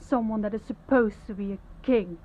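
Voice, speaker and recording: A woman portrays a stern, principled young princess in an audio roleplay, sounding indignant and scornful. Her delivery is formal, commanding and measured, in a dark-toned mid-range voice close to an everyday one, with slight background noise. The character is authoritative, compassionate and defiant.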